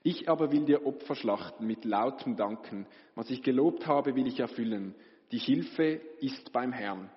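A man with a mid-range voice reads scripture slowly and solemnly. The recording has a long hall reverb and a muffled, lo-fi tone. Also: mid-range voice. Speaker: scripture reader. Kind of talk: liturgical Bible reading. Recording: reverberant hall, dull lo-fi sound.

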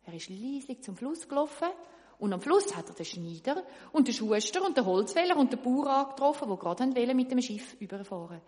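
Lively woman storyteller. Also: on the high side, fairly quick. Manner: lively, addresses young listeners directly. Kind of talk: children's story narration. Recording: long reverb.

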